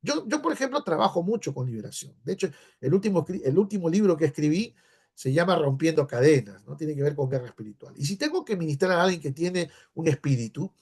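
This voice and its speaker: A man's voice: on the high side, expressive, fast talker, a little mellow, breathy edge. A man from Peru with a Peruvian accent, a pastor giving a teaching class in a conversational way, often checking in with his listeners. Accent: Peruvian Spanish. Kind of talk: sermon-style teaching class.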